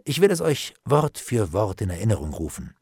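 A calm nobleman lets his dry irony and icy seriousness do the work, as a male reader puts him on. The voice stays low and measured, with a slightly husky texture. The recording is dry and close. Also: dry recording. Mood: ironic. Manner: calm, dry, ironic, unhurried. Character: calm, ironic male nobleman, coolly menacing. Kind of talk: audiobook character reading.

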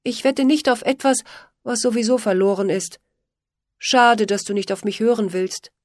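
A woman's voice: on the high side, steady tone, moderate pace, dry recording, clean studio sound, pitched above the performer's own voice, natural voice. A woman voicing an earnest, worried young stable boy who stammers and pleads. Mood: pleading.

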